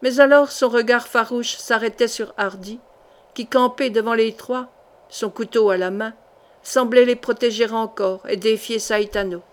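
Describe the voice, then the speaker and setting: Woman reading an adventure novel aloud. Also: fairly high pitch. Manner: measured, expressive literary reading. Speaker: audiobook reader. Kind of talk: audiobook narration of an adventure novel.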